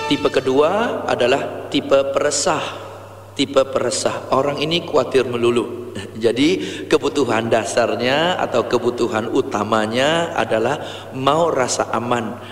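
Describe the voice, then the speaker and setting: A man's voice: mid-range voice, measured pace, echoey room, long reverb tail, recorded from a distance, soft background music. A man narrating an explanation in a plain, explanatory way.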